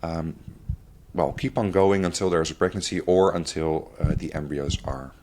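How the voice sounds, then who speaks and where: Deep-voiced man telling a painful story. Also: fairly even intonation, a little mellow. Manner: halting, with restarts and fillers. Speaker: podcast guest sharing his family story. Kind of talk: candid interview talk.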